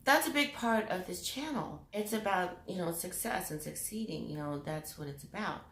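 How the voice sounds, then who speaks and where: A woman with a fairly low, expressive voice talks at a normal speed, hosting her own vlog and chatting to the camera in a giggly, rambling way that keeps drifting into tangents. She's in a room full of mirrors, and the recording sounds echoey.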